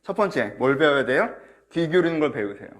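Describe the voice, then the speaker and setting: A male pastor with a slightly high, sing-song voice and fairly bright tone preaches an online sermon to his congregation at a fast clip. He speaks through a face mask, so he sounds a bit muffled, and he questions listeners directly and acts out inner thoughts.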